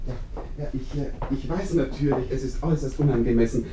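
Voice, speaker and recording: An actor playing a fussy, overly polite village visitor in a radio play, effusive and rambling. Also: male voice, medium pitch, fairly quick, noisy background, close to an everyday voice. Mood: apologetic.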